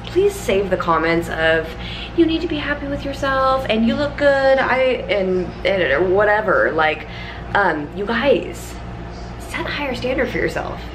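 A woman's voice: mid-range voice, rough recording. A woman in her thirties talking straight to viewers in a casual fitness vlog, earnest and emphatic, filming at arm's length. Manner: earnest, emphatic, addresses viewers as "you guys". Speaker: fitness vlogger. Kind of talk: casual vlog talk to camera. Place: apartment and gym. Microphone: handheld camera at arm's length.

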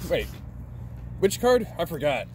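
A man's voice: fairly high pitch, sing-song, a little slow, a little mellow, a little hiss or hum. A man in casual chat, playfully reading card names aloud.

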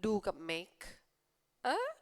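A young woman tutoring children for an English exam, reading English lines slowly and explaining them in a friendly, teacherly way. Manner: friendly teacherly tone, ends with polite particles. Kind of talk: exam answer walkthrough for young pupils.

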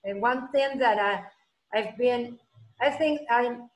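A middle-aged woman from Peru presenting on a video call, halting and full of restarts. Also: on the high side. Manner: halting, many restarts and fillers. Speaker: presenter, trauma clinician. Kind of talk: online roundtable talk. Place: room at home. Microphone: laptop webcam, video call. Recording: echoey room on a video call.

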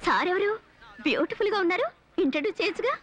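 A woman's voice: extremely high pitch, lively intonation, rapid-fire, a bit bright, muffled recording, slight background noise. An actress playing a cheeky young woman who teases her friend in playful banter. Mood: teasing. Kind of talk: dubbed film dialogue.

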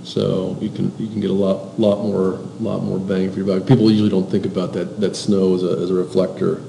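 A male instructor lectures in a classroom, pointing things out on slides and circling back over his words as he explains. His voice is low, gravelly and dark in tone, with a flat delivery. The sound is roomy, with faint hiss behind it. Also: a little fast.

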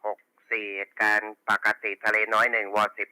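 A man's voice: fairly low pitch, monotone, fairly quick, pushed and bright, clear, resonant tone, no echo. A man working as a police radio dispatcher, reading back station reports and call signs in formulaic procedure over a walkie talkie. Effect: two-way radio.

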